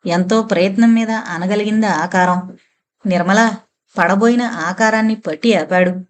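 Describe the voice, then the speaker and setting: A woman narrates a novel for an audiobook. She reads the dialogue of every character without changing her own voice, at an ordinary middle pitch.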